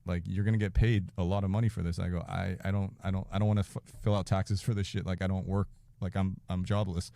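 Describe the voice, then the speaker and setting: A man's voice: low voice, flat delivery, quick pace, gravelly, dark tone, no room sound. A man telling a rambling, profane story as a podcast guest, acting out quotes and laughing mid-sentence. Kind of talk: casual anecdote-telling.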